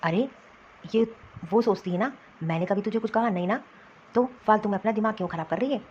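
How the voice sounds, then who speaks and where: A woman's voice: mid-range voice, brisk, lo-fi sound, slight background noise, natural voice. Woman voicing a bossy young husband. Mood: soothing. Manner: reassuring then ordering about. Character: young jobless husband, soothing but bossy. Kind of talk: Hindi cartoon voice acting.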